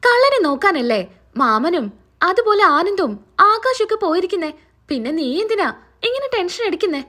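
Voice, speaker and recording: A woman's voice: extremely high pitch, big pitch swings, moderate pace, bright, forceful tone, full character voice. A woman reading a stern, fatherly man. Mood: scolding. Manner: scolding yet fatherly. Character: stern, protective middle-aged family man.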